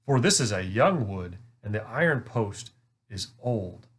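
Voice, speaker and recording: A man's voice: on the low side, big pitch swings, a little slow, slightly rough, full character voice. A thoughtful young queen from a storybook, voiced by a man reading aloud. She is brave and courtly, speaking in formal, old-world phrases. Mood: reasoning. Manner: formal archaic courtly speech.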